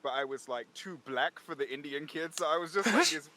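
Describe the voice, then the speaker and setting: A young man from California co-hosting a podcast, telling stories in animated casual chat and often repeating his words. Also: fairly high pitch, fairly quick. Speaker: podcast co-host.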